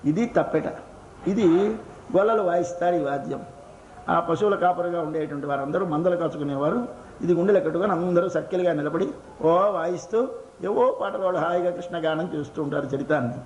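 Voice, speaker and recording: A man's voice: on the high side, darkish tone. Older Telugu man giving a devotional discourse. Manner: questions and answers himself in quick bursts, then slows on key words. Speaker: religious discourse speaker. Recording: echoey hall, dull lo-fi sound, faint hiss.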